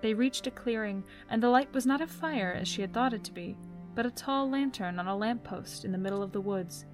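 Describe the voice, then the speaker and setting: Soft-spoken woman reading a story. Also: on the high side, soft background music. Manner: soft, gentle, unhurried. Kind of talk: storybook narration.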